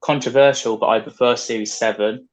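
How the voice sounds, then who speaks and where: A man speaking as a podcast guest, in a measured, hesitant way with ums and restarts. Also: mid-range voice, steady tone, poor audio. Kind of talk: casual chat.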